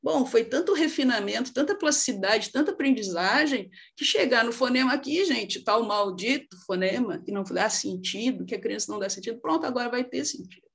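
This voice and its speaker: A woman's voice: fairly high pitch, expressive, fairly quick, vocal fry, few pauses, fairly bright tone. A middle-aged woman with a Brazilian accent giving an informal lecture on literacy, with many fillers and rhetorical questions. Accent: Brazilian Portuguese. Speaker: lecturer on literacy and child development.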